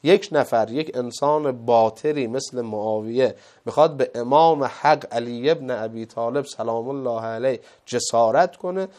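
A man preaching a sermon with passion, rising to loud exclamations and dropping to soft asides, acting out the dialogue of his story. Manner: impassioned, swings between loud exclamations and soft low asides; acts out quoted dialogue in the story.

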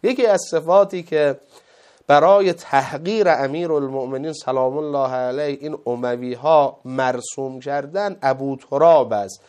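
A man preaching a sermon with passion, rising to loud exclamations and dropping to soft asides, acting out the dialogue of his story. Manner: impassioned, swings between loud exclamations and soft low asides; acts out quoted dialogue in the story.

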